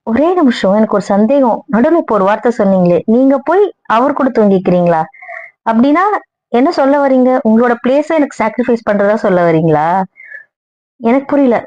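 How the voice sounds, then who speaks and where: A demanding young wife who argues hard and scolds , as a woman acts her out. Her voice sits a little high. The audio-drama recording is dry and dull. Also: lively intonation, a little fast, darkish tone, dry recording, close to an everyday voice. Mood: puzzled. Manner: scolding, argumentative. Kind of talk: amateur audio drama acting.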